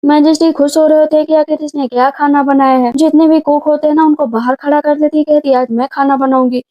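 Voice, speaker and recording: A woman narrating a drama recap in a casual storytelling way, speaking the characters' lines in her own voice. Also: high-pitched. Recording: dull lo-fi sound.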